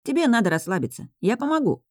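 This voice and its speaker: A woman's voice: on the high side, sing-song, fast, a little mellow, dry recording, clean studio sound, voice pushed up. A woman voicing a sly, purring young charmer. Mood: coaxing. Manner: coaxing, sweet, purring. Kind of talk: audiobook reading.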